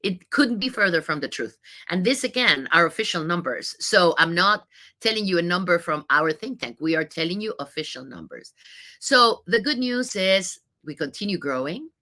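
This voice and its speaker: A middle-aged Mexican woman, CEO of a think tank, gives an informal, statistics-heavy presentation in a Mexican Spanish accent. Her voice is lowish, expressive and sharp, at a normal speed. She is emphatic, repeats key points and keeps adding "you know" and "right?".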